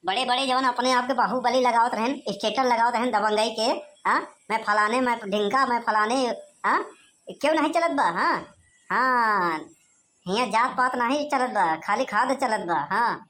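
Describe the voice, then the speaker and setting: A woman voicing a hot-tempered rustic male farmer who scolds in rough village talk with an Awadhi accent. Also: fairly high pitch, normal speed, fairly bright tone, close to an everyday voice. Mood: grumbling.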